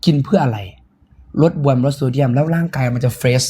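Excitable Isan-accented man hawking products. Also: brisk, husky. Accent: Isan (northeastern Thai). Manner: loud, excitable hawking, sudden high squeals. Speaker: live-stream seller. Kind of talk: live-stream sales pitch.

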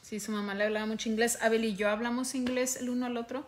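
Woman in her thirties, livestream host, relaxed bilingual chatter with a slightly high voice, recorded on a phone at arm's length at home. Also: fast talker, slight background noise. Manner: switches between Spanish and English, laughs often. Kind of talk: casual bilingual chat. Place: indoors on a couch at home.

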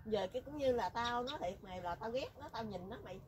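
A woman's voice: fairly high pitch, expressive, fast. Chatty woman, lightly noisy. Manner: chatty, teasing, rural colloquial speech. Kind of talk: casual chat.

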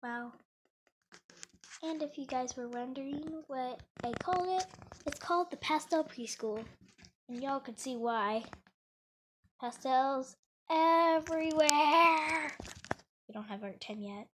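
A woman's voice: high-pitched, slow, long pauses, a bit bright, a little hiss or hum. A young female gamer chatting casually while she plays a roleplay game, talking through each thing she does. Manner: chatty, narrates her own actions. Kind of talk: casual gameplay commentary.

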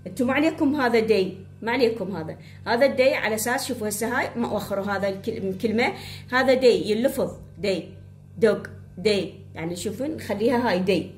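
A woman with an Iraqi Arabic accent teaching English letters to pupils, speaking slowly and repeating herself while she writes. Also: a little high. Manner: slow, repeating, addresses pupils directly. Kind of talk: spoken blackboard lesson. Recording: echoey room with faint hum.

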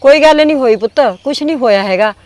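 An older woman with a Punjabi accent playing an aunt in a village family drama, speaking gently and evasively. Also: sits high, fast talker.

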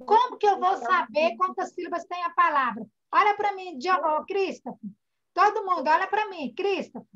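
A woman's voice: very high-pitched, lively intonation, moderate pace, a bit bright. A woman teacher with a Brazilian accent, leading an online class for young children and patiently sounding out syllables. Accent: Brazilian Portuguese. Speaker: primary school teacher. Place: home, online video class. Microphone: computer or phone mic on a video call. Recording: dull lo-fi video-call audio.

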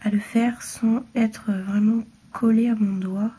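Congested and speaking through her nose, a young woman does a nail tutorial at home as a beauty vlogger, chatting hesitantly and sinking into murmurs while she works. Her voice is on the high side, warm and husky, with fairly even intonation and an unhurried pace.

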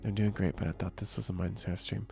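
A young man who streams games, chatting softly and slowly with viewers in a soft-spoken ASMR style into a close mic. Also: deep voice, little pitch movement, vocal fry. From northern region. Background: soft relaxing music.

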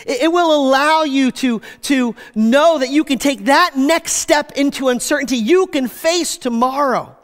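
A pastor delivers a sermon from an indoor church stage lined with screens, his words echoing through the reverberant hall. He speaks slowly but with animation, gesturing as he goes and letting his voice drop low at the end of each phrase.

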